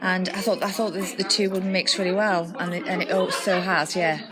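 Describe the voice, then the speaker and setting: Lower-voiced woman oboist, crowd behind. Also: level tone, fairly quick. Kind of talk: interview answers. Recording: crowd chatter in the background.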